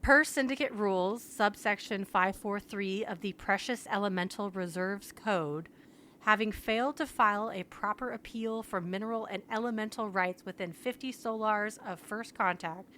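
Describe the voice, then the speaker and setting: A woman's voice: medium pitch, sharp tone, a little hiss or hum, lightly acted. Stiff robotic AI announcer, as a woman reads it out. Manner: stiff, bureaucratic reading.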